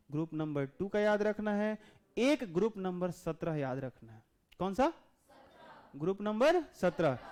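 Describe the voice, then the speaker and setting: A man's voice: sits high, a little mellow. A man teaching a class chemistry lesson, patiently repeating questions to the class and drawing out lists of names. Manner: drawn-out enumerating of names.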